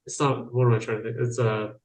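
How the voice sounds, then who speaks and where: Guy just chatting, regular pitch, lots of room echo. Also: little pitch movement, quick pace, a little mellow. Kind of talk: casual chat. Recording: roomy, echoey sound.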